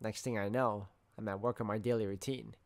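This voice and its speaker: A man's voice: fairly low pitch, steady tone, brisk. A man reading first-person story narration aloud from a visual novel. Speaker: reader of a visual novel playthrough.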